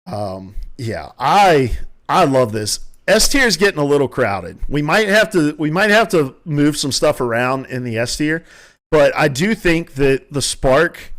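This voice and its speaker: This podcast host's voice is fairly high and a bit bright, very animated yet a little slow, with a noticeable Southern country accent. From home he delivers rambling, opinionated commentary, repeatedly correcting himself and beginning sentences again.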